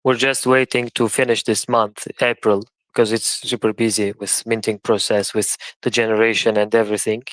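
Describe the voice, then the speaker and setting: Man, thirties, chat guest; smooth clear voice, dry and close; eager explainer. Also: fairly low pitch, level tone, normal speed, hardly any pauses, a bit bright, no echo, poor audio. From Romania. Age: 30s. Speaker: guest from a charity project. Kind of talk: casual chat on a live audio stream.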